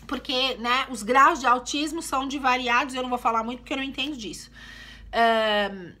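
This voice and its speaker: A woman's voice: high-pitched, bright, forceful tone. A woman vlogging about her children, talking chattily to her viewers and explaining things. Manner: chatty, explaining, often addresses viewers with "né" and "gente". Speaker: vlogger, mother of two. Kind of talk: casual talk to camera.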